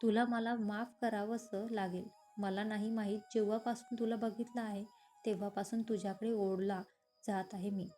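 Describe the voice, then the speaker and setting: A woman's voice: mid-range voice, little pitch movement, normal speed, faint music behind, natural voice. A woman voicing an arrogant young man. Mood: earnest. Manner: commanding and forceful. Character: rich, arrogant young man, quick to anger.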